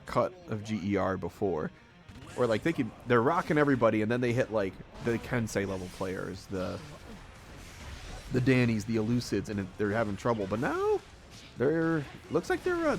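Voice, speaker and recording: A man casually commentating a live fighting-game tournament, rambling and chuckling often. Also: mid-range voice.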